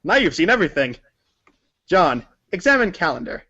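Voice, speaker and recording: With a bright, forceful tone and a fairly high voice, a man tells a scripted second-person story at normal speed, very animated throughout. His emphatic, theatrical reading recalls a read-along book. The audio is a bit dull.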